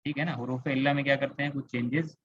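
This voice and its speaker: A man's voice: medium pitch, fairly even intonation, quick pace, a bit bright, slightly rough, dry recording. A man with a Kolkata Indian accent gives an online grammar lesson over a computer microphone. He explains step by step, repeats key words and stops to quiz his students. The audio is slightly dull and lo-fi. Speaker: Arabic grammar teacher. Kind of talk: online class lecture. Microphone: computer mic on a video call.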